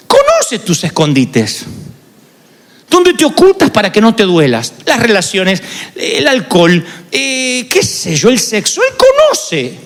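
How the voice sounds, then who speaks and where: A man's voice: very high voice, a bit bright, in a large hall. A male pastor preaching a sermon, confessional and dramatic in his storytelling. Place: large church arena.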